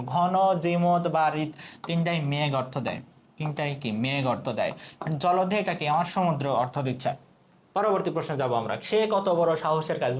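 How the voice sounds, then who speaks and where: Man teaching, answering his own questions. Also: a little high. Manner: asks questions and answers them himself. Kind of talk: exam prep lesson.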